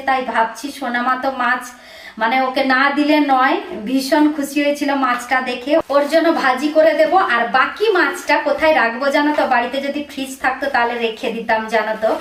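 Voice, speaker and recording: A woman's voice: high-pitched, fairly even intonation, a little fast, a bit bright. A woman vlogging casually at home in the kitchen, chatting to viewers and often asking "you know?". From Bengal. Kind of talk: casual home vlog chat. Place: small home kitchen indoors. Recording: echoey room, faint noise.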